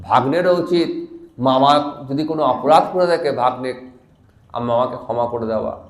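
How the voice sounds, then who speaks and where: A man's voice: medium pitch, normal speed, roomy sound, voice pushed down, close to an everyday voice. A man voicing a frightened, humbled male magistrate who pleads and apologises, told inside a sermon. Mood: fearful pleading.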